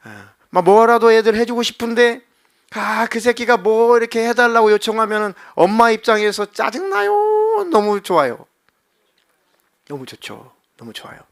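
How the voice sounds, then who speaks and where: A middle-aged man preaching a sermon as a pastor in a church, animated and acting out voices as he talks. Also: high voice. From South Korea. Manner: animated, acts out children's and God's voices. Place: church sanctuary.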